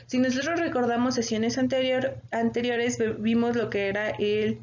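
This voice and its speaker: A woman with a Mexican accent walks through an exam-prep lesson in a slightly high voice. She explains step by step and often pauses on fillers or corrects herself mid-word. The audio is dull and lo-fi, with faint noise underneath. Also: fairly even intonation, a little mellow. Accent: Mexican Spanish. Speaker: teacher.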